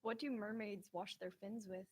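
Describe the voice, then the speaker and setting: A woman's voice: medium pitch, fairly even intonation, normal speed, darkish tone, a little hiss or hum. A woman trading dad jokes as a contestant, giving short setups and punchlines. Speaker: joke contestant.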